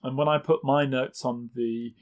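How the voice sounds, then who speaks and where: A man's voice: mid-range voice, fairly even intonation, moderate pace. A man hosting a podcast, chatting casually and earnestly, with eager agreement. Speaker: podcast host.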